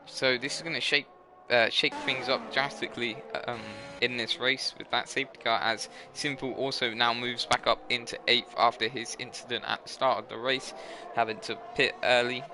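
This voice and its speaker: A man's voice: mid-range voice, fairly even intonation, normal speed. Young male sim racing commentator, tired, rambly, self-correcting, noisy home recording. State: tired, yawning. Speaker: race commentator.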